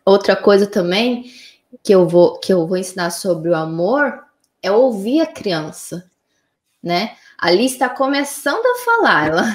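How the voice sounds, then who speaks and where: A woman, a mother, calmly explaining her views on raising children in casual conversation. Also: medium pitch, reverberant. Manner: calm, explanatory, frequent "né?".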